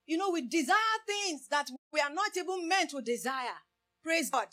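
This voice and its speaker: A woman's voice: high voice, lively intonation, normal speed, sharp tone. A woman preaching a sermon in English, which is not her first language. She keeps saying "praise the Lord" and asks her listeners rhetorical questions. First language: a language other than English.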